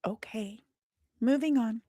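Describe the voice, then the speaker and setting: Her voice is a little high and mellow, and she speaks at a slow pace. She's a British comic book writer hosting a casual livestream, chatting playfully and emphatically straight to the people watching.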